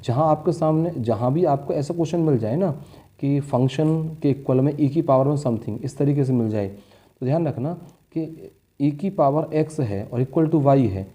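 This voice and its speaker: Man, maths tutor, very mellow dark voice, rhetorical questions, patient walkthrough. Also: mid-range voice, normal speed. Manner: step-by-step, asks and answers his own questions; calls students "बच्चे" and "भाई". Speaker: maths teacher. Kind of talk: board-exam maths lesson.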